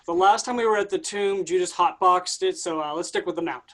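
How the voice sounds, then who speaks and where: An actor playing a laid-back, vain Jesus who talks like a slangy bro in a staged comedy reading. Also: male voice, high voice, fairly quick, a bit bright. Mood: breezy. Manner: casual slangy dude speech. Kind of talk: staged reading of a comic play.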